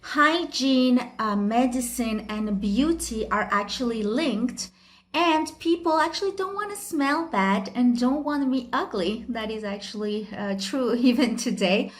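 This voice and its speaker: Woman hosting a history vid, kinda high voice, chatty, lots of little asides. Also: lively intonation, measured pace. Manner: chatty, with frequent asides and light laughs. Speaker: history video host. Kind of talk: casual educational explainer.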